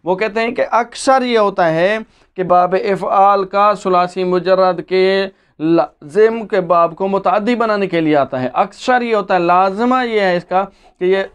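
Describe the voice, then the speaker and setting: High-voiced man teaching grammar. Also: clean tone. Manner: reads rules aloud then explains, chants word forms in lists; asks the class questions then answers them himself. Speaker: religious seminary teacher. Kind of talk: classroom grammar lesson.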